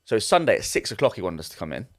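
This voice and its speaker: Guy, young, talks quick and lowish, rambling story w lots of restarts. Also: very animated. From England. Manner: rambling anecdote with many restarts. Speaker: podcast co-host. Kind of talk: casual chat.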